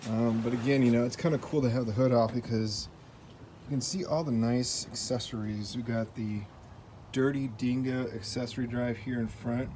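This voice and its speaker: With a mellow, medium-pitched voice, fairly even intonation, and a moderate pace, an American man casually updates viewers on his car build, upbeat and slangy and unscripted. Faint vehicle and ambient sounds can be heard.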